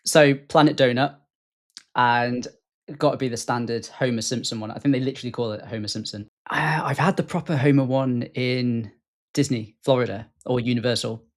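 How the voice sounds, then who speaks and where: A man's voice: mid-range voice, steady tone, a little fast. A British man, a fitness coach, chatting casually in a laid-back, joking way. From United Kingdom. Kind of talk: casual chat.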